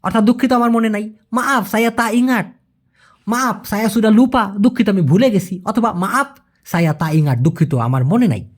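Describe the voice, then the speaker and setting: A man with a high voice gives a casual language lesson. He repeats phrases slowly and calls his viewers brother.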